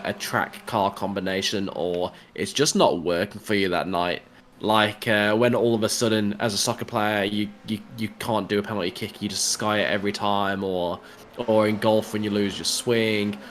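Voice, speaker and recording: A man's voice: on the low side, fairly bright tone, slight background noise. A man giving chatty, jokey, analytical commentary on a sim race.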